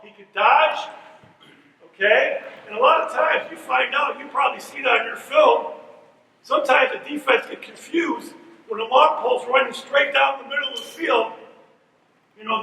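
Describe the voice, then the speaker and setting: A man's voice: extremely high pitch, vocal fry, sharp tone, a little hiss or hum. A middle-aged man, a college lacrosse coach, giving a direct clinic talk and checking in with "okay?" after his points. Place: large room at a coaches' clinic. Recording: echoey hall, voice far from the mic.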